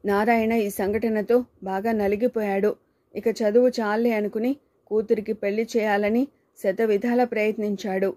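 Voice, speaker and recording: A woman narrates a short story in a dark, mellow voice at an ordinary middle pitch. Her reading is steady and scripted, and she gives the dialogue light changes of tone. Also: moderate pace.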